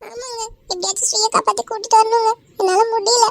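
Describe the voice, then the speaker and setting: A performer voicing a distraught middle-aged mother in an animated cartoon, pleading through tears. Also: very high-pitched, fast, slight background noise. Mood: tearful pleading. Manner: pleading, sobbing.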